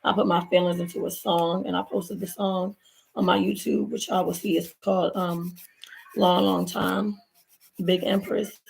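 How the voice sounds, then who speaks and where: Her voice is low-leaning and hoarse with vocal fry and a slightly mellow quality, barely moving in pitch at a normal pace. She's a vlogger from Baltimore, USA, who has lost her voice and chats to y'all, her viewers, through a rambling story time as she does her nails. A laptop mic at home makes the recording rough.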